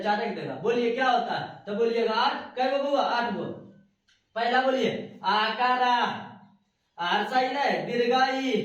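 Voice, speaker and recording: Male teacher, repetitive call-and-response delivery, recorded off-mic in a booming room with muffled sound. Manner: repetitive question-and-answer drilling, affectionate. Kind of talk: spoken video lesson. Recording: very echoey room, far from the mic, dull sound.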